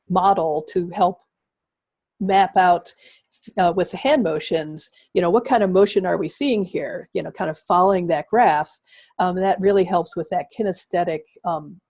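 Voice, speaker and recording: A woman's voice: fairly low pitch, dark tone, no echo. A woman presenting slides in an education webinar, explaining with frequent ums and uhs.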